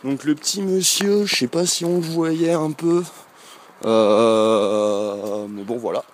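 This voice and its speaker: A man's voice: medium pitch, fairly even intonation, slow pace. A man from France, a travel vlogger, chatting casually to a handheld camera as he walks through a village street, rambling and often hesitating. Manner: talking while walking.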